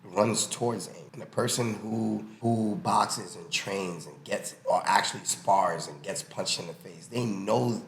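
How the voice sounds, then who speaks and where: In an echoey room with faint background noise, a boxing coach on a podcast speaks in a creaky voice on the low side, unhurried and with few pauses. His casual, emphatic delivery mixes personal stories with explanatory examples. He was born in the US, spent early childhood in Haiti, and was raised in New York.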